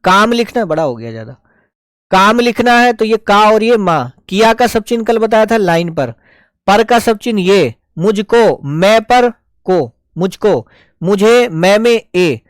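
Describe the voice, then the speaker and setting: A man's voice: sits high, expressive, a little slow, no room sound, clean studio sound. A man teaching a live online shorthand class, explaining each stroke step by step and patiently answering his students.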